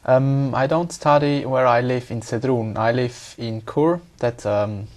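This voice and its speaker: A man's voice: mid-range voice, measured pace, darkish tone. A young man from Switzerland, an exam candidate speaking hesitantly and repeating words as he searches for English.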